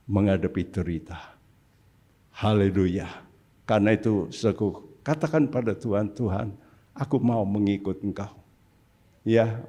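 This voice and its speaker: A man's voice: lowish voice, warm tone, husky. An older man preaching a sermon as pastor, putting rhetorical questions to the congregation. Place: church service.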